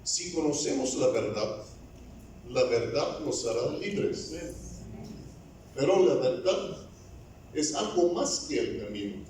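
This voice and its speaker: In a very echoey church, a male evangelist preaches from some distance away, with faint ambient noise beneath him. His voice sits on the high side with a darkish tone. He speaks slowly and deliberately, halting a little, as if still getting comfortable in the language.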